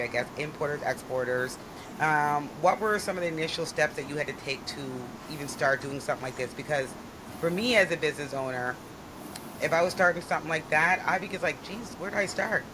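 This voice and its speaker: A podcast host with a low-sitting voice talks briskly over background noise, chatting casually with a guest in an interview. She's bubbly, effusive, and playful.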